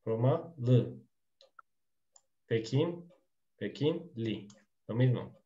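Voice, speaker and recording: A man teaching a live online class, explaining things patiently and filling his pauses with small words. His voice sits at an ordinary middle pitch. The call audio comes through dull and lo-fi. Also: expressive. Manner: patient, explanatory, full of fillers. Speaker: Turkish teacher. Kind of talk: live online language lesson.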